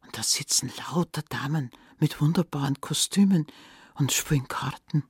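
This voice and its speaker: A woman with a Bavarian accent telling a fairy tale aloud in a lively, conversational way. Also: deep voice, moderate pace, breathy edge, dry recording, clean studio sound. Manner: lively, conversational, dialect words. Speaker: storyteller.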